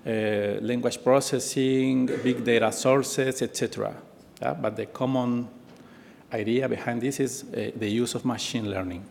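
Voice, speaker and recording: Casting: man with a Mexican accent, conference presenter, halting delivery, mid-pitched, long room reverb. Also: creaky, darkish tone, a little hiss or hum. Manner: hesitant, many fillers and restarts. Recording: hall reverb.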